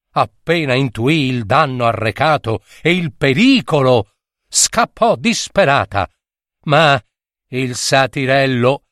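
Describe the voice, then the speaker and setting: A man telling a myth in a theatrical, lively way, with sudden high cries and comic asides. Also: no room sound, studio quality. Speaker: storyteller. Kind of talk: dramatic storytelling of a myth.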